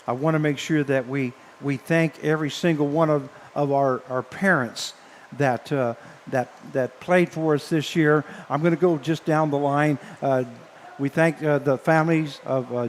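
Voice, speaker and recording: A man's voice: fairly high pitch, slight background noise. Choked-up man signing off a ballgame broadcast. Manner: halting and earnest, heavy with fillers. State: emotional, choked up. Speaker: baseball broadcaster and announcer. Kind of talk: live broadcast sign-off. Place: press box above a ballpark. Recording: long hall-like reverb.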